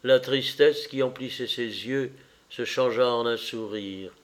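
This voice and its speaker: A man reading a classic novel aloud as an audiobook narrator, measured and deliberate. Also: medium pitch. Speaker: audiobook reader. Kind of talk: slow literary narration.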